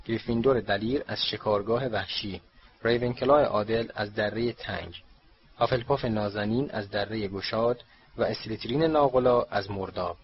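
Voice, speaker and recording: A man's voice: on the low side, slight background noise, lightly acted. A man voicing an old magical talking hat as it recites its song in a storybook reading, on a dull lo-fi recording. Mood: proud recital.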